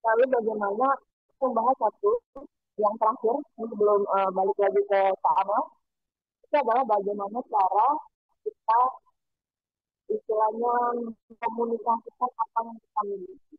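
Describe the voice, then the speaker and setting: A woman giving a webinar talk over online call audio that keeps breaking up, pausing often with filler sounds. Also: a little high, fairly even intonation, dry recording. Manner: halting, many filler sounds. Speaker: webinar speaker. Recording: tinny choppy call line, faint music.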